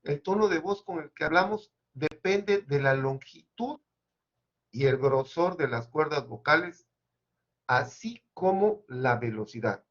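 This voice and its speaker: Man, seminar presenter, higher-pitched voice, measured explanatory delivery, muffled lo-fi sound. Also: expressive. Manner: measured and explanatory, with occasional hesitations. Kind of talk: academic presentation.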